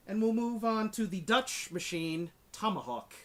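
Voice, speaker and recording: Lively high-pitched man chatting. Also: measured pace. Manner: rambling, self-interrupting, laughs often. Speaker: podcast host. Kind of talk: casual podcast chat.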